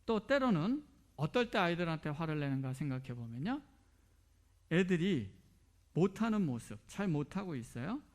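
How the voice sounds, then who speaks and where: A man's voice: a little high, very animated, normal speed. A middle-aged man preaching a sermon as a pastor, asking rhetorical questions and dropping to near whispers.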